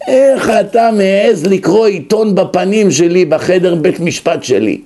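A man voicing an irate, pompous male courtroom judge who shouts indignantly. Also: sits high, expressive. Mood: outraged.

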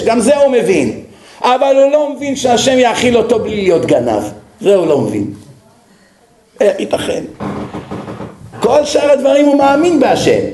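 A man's voice: high-pitched, echoey room. A man lecturing as a rabbi, telling stories and asking rhetorical questions to his listeners. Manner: animated storytelling with rhetorical questions. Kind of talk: religious lecture.

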